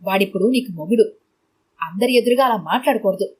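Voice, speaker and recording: A woman's voice: mid-range voice, fast, slightly rough, lightly acted. A woman doing a fussing loving mother. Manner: fond, anxious. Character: caring middle-aged mother, fussing.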